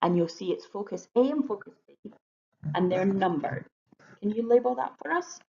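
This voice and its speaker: A woman who teaches primary school explains home learning tasks in an instructional way, often asking questions to check understanding. Her medium-pitched voice is gravelly yet mellow, lively in intonation, at a normal speed. The recording has a roomy echo and a dull, lo-fi quality.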